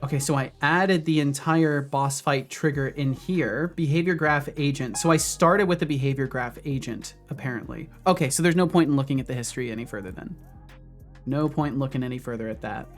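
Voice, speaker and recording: A man in his thirties, a game developer and streamer, chats easygoingly with his viewers while coding at home in his office. His mid-range voice runs a little fast, and there's faint music behind him.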